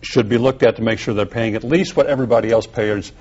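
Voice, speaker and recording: A man hosting a weekly TV panel, asking brisk questions and acknowledging answers. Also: mid-range voice, darkish tone, slightly rough, muffled recording. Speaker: TV show host, moderator. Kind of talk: moderating a political panel.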